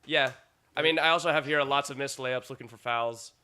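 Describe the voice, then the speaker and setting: Bright-toned man with short asides. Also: mid-range voice, brisk, clean tone. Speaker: podcast co-host. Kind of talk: casual sports chat.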